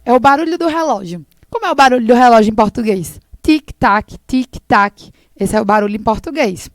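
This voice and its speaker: A woman English teacher explaining slowly and patiently, repeating words for her students in a recorded lesson. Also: fairly high pitch, no echo.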